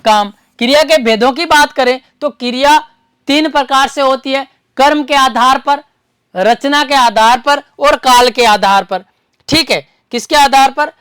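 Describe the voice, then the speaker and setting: High-pitched woman teaching grammar. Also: fairly bright tone, clear, resonant tone, no room sound, studio quality. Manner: asks rhetorical questions and answers them herself; repeats key terms slowly and addresses the students directly. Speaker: exam prep teacher. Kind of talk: classroom-style grammar lesson.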